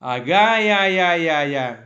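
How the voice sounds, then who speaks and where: A man's voice: high-pitched, sing-song, slow pace, a bit bright, exaggerated voice. A man voicing a simple, stout village man who asks naive, wondering questions in a rustic Marathi village dialect. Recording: dull lo-fi recording.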